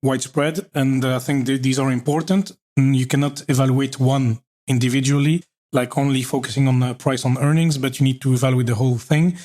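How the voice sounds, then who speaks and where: Hosting an interview podcast, a man from Belgium keeps the talk casual, posing questions in a conversational way and backchanneling often. He speaks briskly with few pauses, his mid-range voice mellow and fairly even in intonation.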